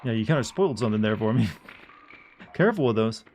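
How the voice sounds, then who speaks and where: A man's voice: lowish voice, lively intonation, a little fast, over music. A man giving casual gameplay commentary as a streamer, rambling along in a wry way. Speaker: game streamer.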